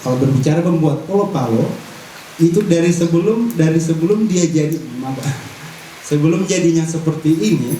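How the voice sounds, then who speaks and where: A man's voice: on the high side, moderate pace, dark tone. Man explaining in an echoey hall. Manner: plainspoken, explains step by step while tapping an instrument. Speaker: instrument maker demonstrating at a workshop. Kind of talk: explanatory workshop demonstration. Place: large hall. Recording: roomy echo, distant mic, audible room noise.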